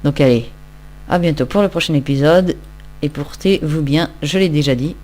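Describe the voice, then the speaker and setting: A man's voice: on the high side, normal speed, a little mellow, slight background noise. A tired man giving casual, rambling, self-mocking commentary while he plays a game. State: tired, just woke up. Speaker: Minecraft let's-play host.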